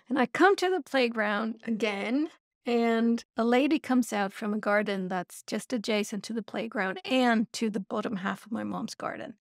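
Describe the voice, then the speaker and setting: Animated woman with gravelly edges. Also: fairly high pitch, no room sound, clean studio sound. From Sweden. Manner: animated, lively storyteller. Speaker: podcast host. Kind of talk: storytelling in casual chat.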